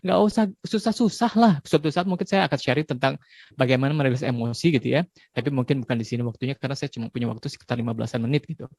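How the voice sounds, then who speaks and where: A man in his forties giving a parenting talk in a relaxed, conversational way, dropping frequent tag questions. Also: mid-range voice, racing, no room sound, studio quality. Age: 40s. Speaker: parenting speaker.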